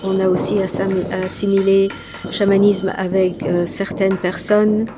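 A woman speaking deliberately, with some hesitation. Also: mid-range voice, level tone, noisy background. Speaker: interviewee.

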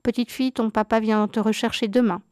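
A woman's voice: fairly high pitch, fairly even intonation, brisk, a little mellow, no room sound, studio quality, lightly acted. A woman voicing a strict, severe middle-aged aunt in a read-aloud memoir story. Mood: stern. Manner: scolding, severe.

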